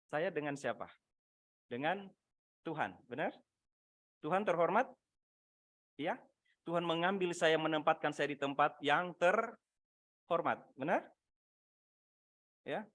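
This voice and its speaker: A man preaching a sermon over a video call, swinging between loud emphatic lines and quiet asides, often asking his listeners rhetorical questions. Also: on the high side, measured pace, long pauses, no echo. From Manado, Indonesia. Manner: asks the congregation rhetorical questions. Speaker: pastor.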